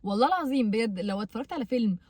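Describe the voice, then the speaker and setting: A woman's voice: on the high side, expressive, rapid-fire, darkish tone, dry recording. A young Egyptian woman with an Egyptian accent giving casual study tips to camera, chatty, repeating words to model pronunciation. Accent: Egyptian Arabic. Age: young adult. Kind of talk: casual tutorial chat to camera.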